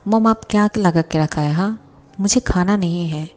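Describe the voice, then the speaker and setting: A hot-tempered young boss pining for his secretary, firing off indignant questions, voiced by a woman reading a storybook. The tone sits fairly low and warm, with soft, mellow edges. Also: normal speed, close to an everyday voice.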